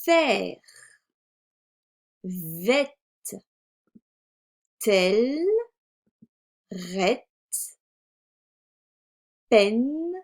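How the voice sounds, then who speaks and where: A woman primary school teacher from France giving a recorded reading lesson to young children, sounding out syllables slowly and deliberately. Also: medium pitch, gravelly, darkish tone. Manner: slow, deliberate, over-articulated sounding out of syllables.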